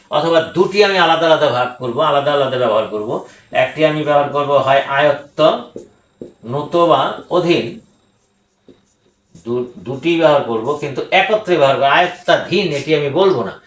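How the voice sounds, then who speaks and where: An older man giving a grammar lesson, speaking deliberately, repeating words for emphasis and pausing with hesitations. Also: a little high, a bit bright. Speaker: grammar teacher. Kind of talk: grammar lecture. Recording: echoey room.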